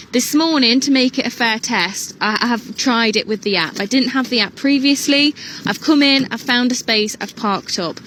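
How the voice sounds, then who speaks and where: A woman's voice: on the high side, a bit bright, slight background noise. A woman with an English accent giving a radio report, walking through a test step by step.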